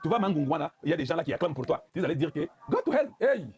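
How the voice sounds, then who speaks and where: A man, commenting on news clips in a mocking, lively way and slipping into Lingala. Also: fairly high pitch, racing. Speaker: political commentator.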